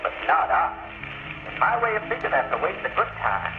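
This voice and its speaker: A man's voice: a little high, big pitch swings, moderate pace. A man on an old archival recording, speaking plainly in the first person about how he works. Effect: old scratchy archival recording. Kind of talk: speaking about his own work. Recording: thin, tinny old recording.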